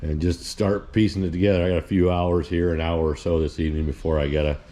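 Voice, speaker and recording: A man's voice: deep voice, flat delivery, fast, dark tone. A man casually talking through his work on an old car in his home garage, rambling and plain-spoken with many fillers and restarts. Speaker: hobby mechanic and channel host. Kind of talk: casual narration while working on a car.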